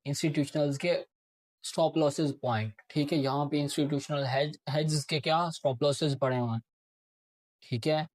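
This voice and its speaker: A man's voice: a little high, steady tone, normal speed, no echo. Guy explaining trading charts, asks himself stuff then answers, dry close sound. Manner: explains while marking a chart. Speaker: trading teacher. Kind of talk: casual explanatory lesson.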